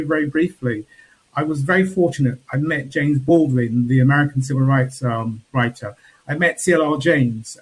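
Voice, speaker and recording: A man on a video call, introducing himself as a panellist in a measured way with pauses and restarts. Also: mid-range voice, husky, poor audio. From England.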